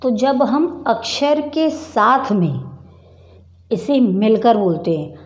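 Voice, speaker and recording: A woman's voice: fairly high pitch, sing-song, slow pace. A middle-aged woman teaching a primary school class at the board, patient and repeating words while asking the class questions. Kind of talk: slow board lesson for children.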